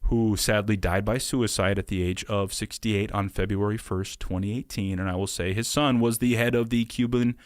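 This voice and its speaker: A man's voice: fairly low pitch, fairly even intonation, normal speed, hardly any pauses, smooth, no echo, clean studio sound. A man in his thirties co-hosting a casual podcast, presenting a theory in a wry, hedging way. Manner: wry, hedging, laughs at own claims.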